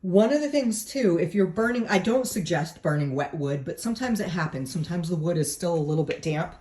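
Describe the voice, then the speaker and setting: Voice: mid-range voice, lively intonation, a little fast, a little mellow. Speaker from New England, casual how-to, chatty, informal, indoors at home, phone mic. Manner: chatty and informal, with frequent tag questions. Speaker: home vlogger explaining a woodstove to a friend. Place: at home beside a woodstove, indoors.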